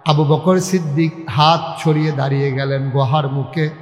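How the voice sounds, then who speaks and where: A man preaching a dramatic sermon, telling the story with chanted passages and bursts of shouting. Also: fairly high pitch, steady tone, normal speed, faint music behind. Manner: dramatic storytelling, acting out quoted dialogue; breaks into melodic chanting. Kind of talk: Bengali religious sermon (waz). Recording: echoey hall sound with long reverb.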